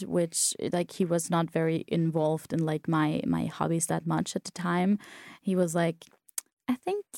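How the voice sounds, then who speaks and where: A young adult woman from South Tyrol, Italy, whose native language is German, chats through casual stories in an interview, with plenty of fillers and restarts. Her mid-range voice sounds creaky and darkish, and the audio is clean studio sound without room sound.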